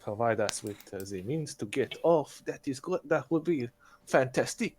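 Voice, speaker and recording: A man playing a tabletop role-playing game, speaking in a halting, polite, diplomatic way with many pauses. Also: mid-range voice, lively intonation, a little hiss or hum. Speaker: player. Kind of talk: in-character tabletop role-play.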